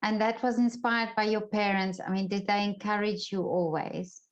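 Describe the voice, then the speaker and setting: A woman's voice: medium pitch, steady tone, normal speed. Attentive woman interviewer, slightly muffled. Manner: attentive, frequent listening murmurs. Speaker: interviewer host. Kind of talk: interview conversation. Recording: slightly dull, lo-fi sound.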